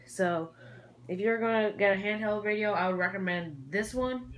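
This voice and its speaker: Recorded noisily at home by an amateur, a feminine-sounding hobbyist rambles through a casual show-and-tell with a halting delivery. Her pitch sits in the medium range.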